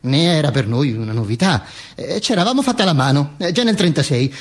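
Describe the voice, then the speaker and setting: Cast as a dead dictator's corpse, the actor declaims a theatrical radio monologue as a sardonic, bombastic teller of grim stories, stammering haltingly. He uses a fairly high pitch with lively intonation, sounding cold and full of contempt.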